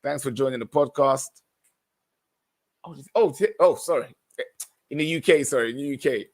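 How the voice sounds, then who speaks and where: A man's voice: medium pitch, normal speed. A man hosting a podcast, reading out viewer comments and giving his own earnest, opinionated responses, sometimes restarting as he reads. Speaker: podcast host.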